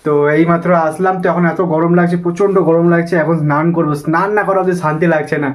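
A man's voice: on the high side, steady tone, racing. A young man from Bengal chatting casually to his viewers in a daily vlog. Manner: chatty, addresses viewers directly. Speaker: vlogger.

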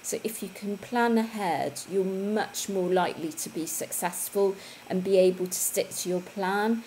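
A woman with a mid-range, darkish voice and fairly even intonation hosts a casual fitness livestream from a room at home, speaking at normal speed. Chatty and conversational, she reads viewer comments and uses tag questions, in a low-quality recording with slight background noise.

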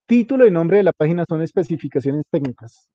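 A man walks a student through a task, casual and hands-on, spelling out every detail. His voice sits a bit high. The sound is dull and lo-fi, close and dry. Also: animated, fast talker, warm tone, no echo. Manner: informal, coaching, spells out details. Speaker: instructor. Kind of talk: guiding a student through a web page setup.

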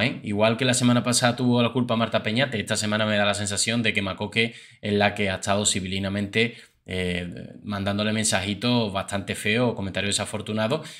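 A man talks over clips in a chatty, opinionated way. His voice is lowish and bright, and forward in tone. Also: flat delivery, brisk, few pauses. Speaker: host. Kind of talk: casual commentary on reality TV clips.

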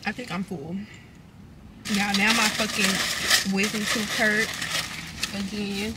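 A woman's voice: medium pitch, steady tone, slow pace. A woman talks casually and bluntly to viewers while eating a meal, mukbang style, swearing freely inside a car. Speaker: mukbang vlogger. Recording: loud car noise behind voice.

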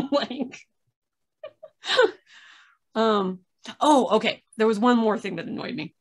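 A woman's voice: fairly high pitch, lively intonation, slow. Woman griping casually over a video call. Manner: candid, laughs often while griping. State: tired. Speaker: podcast reviewer. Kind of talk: casual critical chat.

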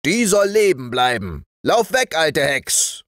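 A man's voice: on the high side, big pitch swings, takes it slowly, a bit bright, dry recording, clean studio sound, pitched above the performer's own voice, heavily acted. A man doing a barking toy-soldier sergeant. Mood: commanding. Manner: barked commands. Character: gruff fat male toy-soldier sergeant, bossy.

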